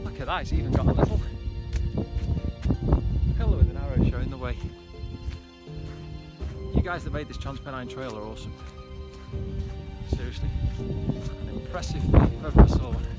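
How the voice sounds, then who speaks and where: A man talking casually to camera outdoors while out jogging on an upland trail, as a running vlogger does, pausing between phrases. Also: medium pitch, animated, loud music behind the voice.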